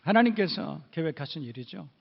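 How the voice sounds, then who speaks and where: A man's voice: a little high, lively intonation, a little fast, gravelly, long reverb tail, dull audio. A male pastor preaching a sermon in a church, emphatic, with repeated rhetorical questions. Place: church sanctuary.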